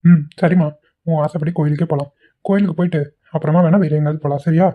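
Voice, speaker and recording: A woman voicing a gentle young husband. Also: low voice, fairly even intonation, fast talker, phone-quality sound. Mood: affectionate. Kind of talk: cartoon voice acting.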